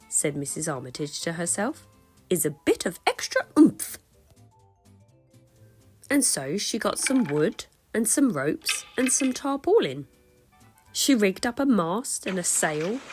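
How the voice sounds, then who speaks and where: A woman whose voice sits on the low side reads a children's picture book aloud in an expressive storytelling style.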